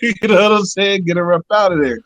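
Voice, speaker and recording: Slangy, higher-voiced man on a sports podcast. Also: fast, a crowd in the background, rough recording. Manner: slangy, animated, fillers like "like" and "bro". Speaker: podcast co-host. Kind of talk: casual sports talk.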